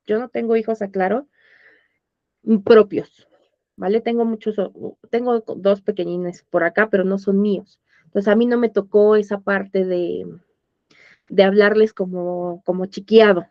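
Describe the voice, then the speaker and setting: A woman's voice: mid-range voice, no room sound. A woman with a Mexican accent teaching an online course in a conversational way, often checking that her listeners follow. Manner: conversational, checks understanding with tag questions. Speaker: course instructor. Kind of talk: informal online lesson. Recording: dull, dry lo-fi audio.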